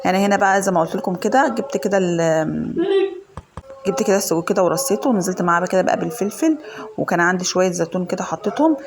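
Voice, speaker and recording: Racing through a casual cooking tutorial in her home kitchen, a woman with an Egyptian Arabic accent talks straight to her viewers in a chatty, filler-heavy way. She hosts a home cooking channel, and her fairly low voice is slightly hoarse from a cold.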